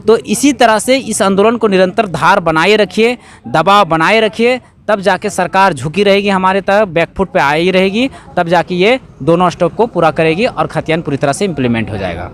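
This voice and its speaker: An activist from Jharkhand, India, answers interview questions in a Jharkhandi accent, his voice sitting high and animated at a moderate pace. He explains emphatically, repeating phrases and posing rhetorical questions.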